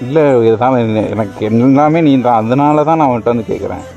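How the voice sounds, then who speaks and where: A man's voice: medium pitch, brisk, dark tone, muffled recording. A young man with a Tamil accent, chatting casually outdoors with his best friend, teasing her and then coaxing and apologising. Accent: Tamil Nadu. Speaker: vlogger pulling a prank on his best friend. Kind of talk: casual outdoor prank chat.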